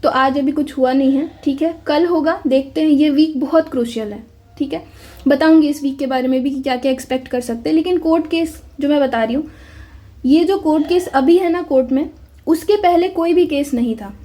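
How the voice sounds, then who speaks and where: Woman, high pitch, soft warm tone, casual insistent commentary. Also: brisk. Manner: insistent, repeatedly addresses listeners with "bhai" and "theek hai". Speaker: exam update commentator. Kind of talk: casual explanatory talk to viewers.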